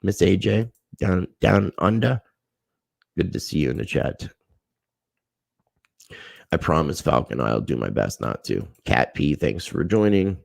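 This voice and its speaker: A man's voice: deep voice, lively intonation, a little slow, creaky, pauses often, no echo, clean studio sound. A man hosting a casual livestream, reading viewer comments, thanking people by name and airing a grievance. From United States. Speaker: livestream host.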